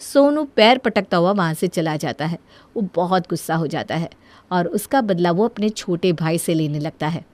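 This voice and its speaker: A woman narrating an animated moral story in a calm storytelling manner. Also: on the low side, moderate pace, dry recording.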